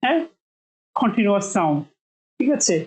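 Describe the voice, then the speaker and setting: A woman teaching English pronunciation, saying each sound slowly several times so learners can copy it. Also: medium pitch, expressive, a little mellow, reverberant, rough recording. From Bangladesh. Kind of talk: spoken lesson, demonstrating sounds.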